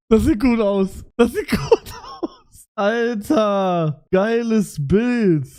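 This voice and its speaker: A young man with a fairly high voice is livestreaming and reacting to his messages. He talks straight to his viewers in a loud, excitable way packed with slang, in a casual livestream reaction.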